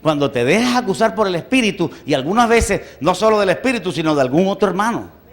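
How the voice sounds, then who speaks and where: A male pastor preaching a sermon, emphatic, swinging from loud exclamations to hushed asides and often breaking into praise. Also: high voice, animated, quick pace.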